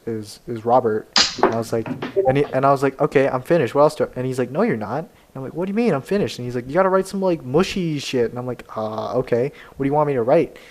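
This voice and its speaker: A young man co-hosting a casual podcast chat, telling an animated story in which he plays out both sides of a conversation, laughing often and restarting his words. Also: mid-range voice. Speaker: podcast co-host.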